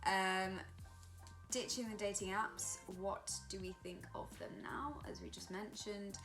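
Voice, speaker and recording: A woman's voice: mid-range voice, steady tone, a bit bright, soft background music, poor audio. Playful twenty-year-old woman co-hosting. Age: 20s. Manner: giggly, playful, quick to put on silly voices. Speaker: podcast co-host. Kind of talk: casual chat.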